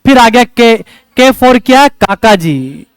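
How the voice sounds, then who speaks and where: A man's voice: very high voice, sing-song, slow, clear, resonant tone, no echo. A male coaching teacher, lecturing a class and checking in with rhetorical questions as he teaches memory tricks.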